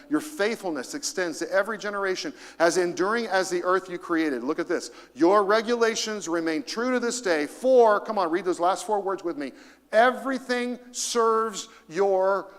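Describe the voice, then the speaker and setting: A male pastor preaching a sermon, emphatic and repetitive, inviting the congregation to read along with him. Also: sits high. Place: church sanctuary. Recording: long hall reverb.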